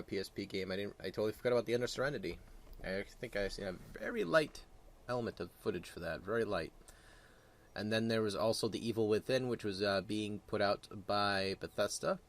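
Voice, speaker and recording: A man's voice: on the low side, a bit bright. A man giving casual, opinionated gaming commentary in a crude, blunt, rambling way, often correcting himself. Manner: rambling, self-correcting delivery.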